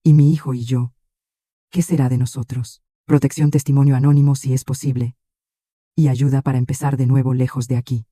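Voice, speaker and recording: A man reading the lines of a scared young woman who pleads, in a flat, measured way. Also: mid-range voice, no echo, studio quality, close to an everyday voice. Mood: pleading.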